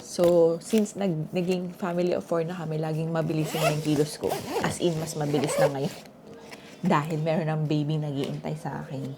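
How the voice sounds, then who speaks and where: A young woman, a mother vlogging her day, talks viewers softly and unhurriedly through her chores at home, mixing English into her speech. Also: low-pitched, flat delivery, moderate pace. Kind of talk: casual chat to camera while doing chores. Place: home kitchen, indoors. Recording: noisy home recording with room ambience.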